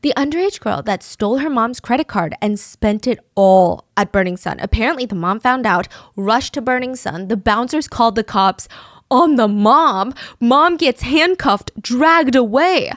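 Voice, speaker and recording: A woman narrates a true crime case in a relaxed, chatty way, with a voice that sits somewhat high. She shifts into little character voices whenever she quotes someone. The sound is close and dry. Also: moderate pace, dry recording. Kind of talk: casual true crime storytelling.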